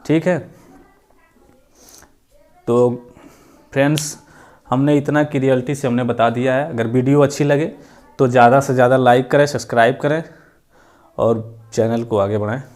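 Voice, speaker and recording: A man's voice: mid-range voice, steady tone, moderate pace, long pauses, darkish tone. Guy teaching grammar on his channel, repeats examples a lot, leans hard on key words. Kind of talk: Hindi grammar lesson.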